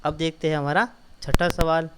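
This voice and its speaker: A man's voice: a little high, level tone, background noise. A man teaching a class of children, patiently walking through textbook answers and repeating key points. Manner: patient, repetitive explaining, addresses children directly; reads quoted lines slowly and louder. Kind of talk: school lesson explaining textbook answers.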